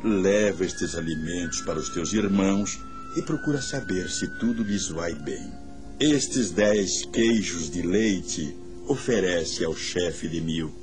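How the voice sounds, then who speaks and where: An actor playing an older father in a Bible story, giving calm, grave and measured instructions to his son. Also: low-pitched. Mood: grave, caring. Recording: music under the voice.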